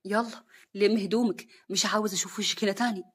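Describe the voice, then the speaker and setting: A woman voicing an angry, regretful husband who shouts and speaks firmly, in a husky voice. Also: mid-range voice, steady tone, fast talker, natural voice. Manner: shouting, firm.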